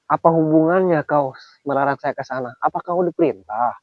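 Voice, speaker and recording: Man, vlogger, outdoors, fast talker, insistent questions, exasperated sighs, dull lo-fi sound. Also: fairly high pitch, no room sound. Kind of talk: confrontational vlog on the move. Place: outdoors on a hill trail.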